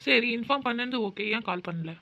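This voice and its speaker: A woman's voice: on the high side, lively intonation, brisk, creaky, pushed and bright, muffled recording, a little hiss or hum, full character voice. A woman voicing a cold, bitter young man who answers his girlfriend curtly and sarcastically in a cartoon. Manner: curt, sarcastic. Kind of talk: cartoon voice acting.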